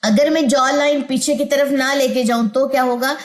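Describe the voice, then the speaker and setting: A woman's voice: high-pitched, steady tone. A woman teaching an online tajweed lesson, patiently drilling sounds and checking understanding.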